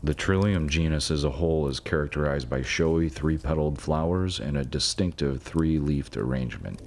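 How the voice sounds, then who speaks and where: A man with a strikingly low, deep voice narrates an educational nature video at an even, measured pace. His delivery is scripted and informative, with the occasional dry aside. A faint hiss sits under the voice-over.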